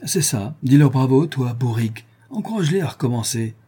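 A man voicing a bitter, sharp-tongued townswoman in a spoken storybook, scolding in a raised voice. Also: lowish voice, steady tone, fairly quick, slightly rough.

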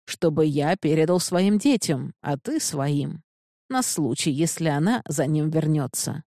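A woman voicing a frail, confused old count who speaks in a slow, halting, trembling way. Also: low-pitched, animated, dark tone, no room sound, studio quality. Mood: solemn.

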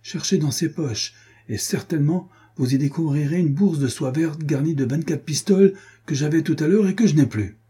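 A man voicing a sanctimonious cheating male card sharp in an audiobook, with an unctuous, pious manner. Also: fairly high pitch, normal speed, breathy edge, pitched above the performer's own voice.

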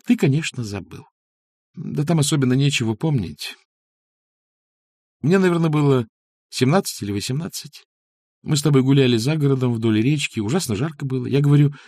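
A man's voice: mid-range voice, animated, brisk, a little mellow, husky, no echo, pitched above the performer's own voice. A male reader voicing a playful, lovestruck woman who teases and orders her man about, in an audiobook. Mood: reminiscing. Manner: teasing, bossy. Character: lively playful woman in love.

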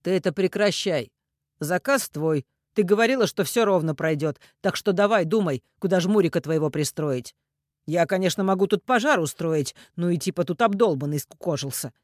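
A man's voice: sits high, lively intonation, normal speed, no room sound, studio quality, pitched above the performer's own voice. A man voicing a crude, mocking middle-aged ex-convict with a cold, sneering manner. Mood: sneering threat. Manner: sneering, coarse.

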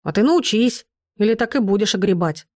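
Woman voicing a scrappy freckled street boy, gruff, blunt, teasing, storybook reading, dry close sound. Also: medium pitch, lively intonation, a little fast, a little mellow, dry recording, lightly acted.

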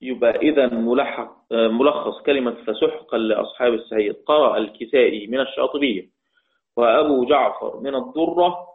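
A man with an Egyptian Arabic accent teaches an online lesson on Quran readings, explaining patiently, quizzing his class and chanting quoted verses slowly. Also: mid-range voice. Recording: tinny phone-like online call audio.

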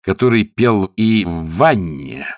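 Low voice guy reading a story aloud, very animated, dry close sound. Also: takes it slowly, no room sound. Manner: lively, expressive reading. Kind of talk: audiobook narration.

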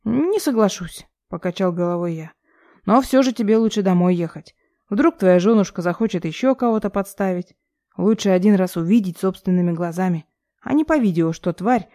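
A woman voicing a calm, sarcastic young man held in jail, coolly mocking his father. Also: fairly low pitch, moderate pace, natural voice. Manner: cool, sarcastic.

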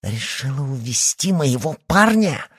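A man voicing a jealous, furious teenage girl who hisses and shouts threats in an audiobook. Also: big pitch swings, measured pace, breathy edge, no room sound, studio quality, heavily acted. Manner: hissing, shrill shouting. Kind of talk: audiobook character reading.

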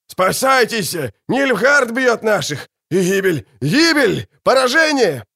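A man voicing a panicking young male soldier with a high, trembling voice, shouting frantically. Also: very animated, slow, creaky, exaggerated voice. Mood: panicked.

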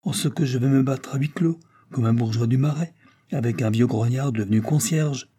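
A man's voice: mid-range voice, normal speed, mellow, slightly rough, close to an everyday voice. A man reading the part of a brash, self-satisfied young dandy in an audiobook. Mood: amused.

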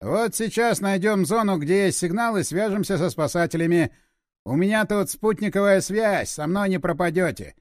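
Man reading a bossy, boastful man who shouts, pitched high, storybook voice. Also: animated, moderate pace, dry recording, studio quality. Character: loud, bossy, self-assured man.

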